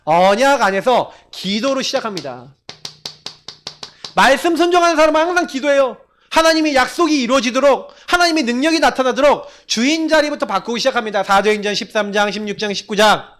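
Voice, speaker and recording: A man's voice: extremely high pitch, animated, brisk, a bit bright. A male pastor preaching a sermon, telling stories with acted-out quotes and frequent rhetorical questions to the congregation.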